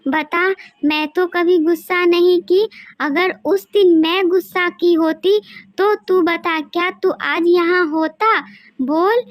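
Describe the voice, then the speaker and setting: A woman's voice: very high-pitched, steady tone, takes it slowly, no echo, clean studio sound. A woman voicing an elderly mother who scolds and pleads with her son in a cartoon story. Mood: reproachful.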